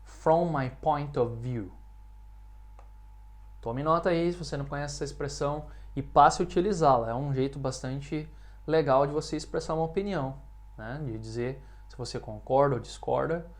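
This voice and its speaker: Brazilian male English teacher, patient explainer, speaks example sentences slow and clear. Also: a little high. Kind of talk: language lesson.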